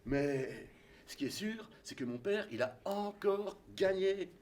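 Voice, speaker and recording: Belgian guy doing a one-man show, high voice, stammers and mocks himself. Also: lively intonation, measured pace, a little mellow. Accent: Belgian French. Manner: hesitant, self-mocking, acts out all the voices. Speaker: comedian.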